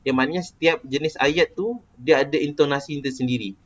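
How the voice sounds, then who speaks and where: A man's voice: fairly high pitch, fairly quick, breathy edge. A man with a Malaysian Malay accent teaching a casual lesson, explaining patiently and quizzing a student. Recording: dull lo-fi recording.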